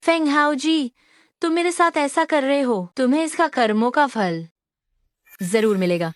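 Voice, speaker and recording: A woman's voice: high-pitched, expressive, measured pace, no echo, clean studio sound. A woman voicing a young woman who was betrayed, pleading and accusing in turn. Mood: hurt defiant. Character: young woman, wronged, defiant and desperate. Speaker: dubbing actor. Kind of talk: Hindi dub of a short drama.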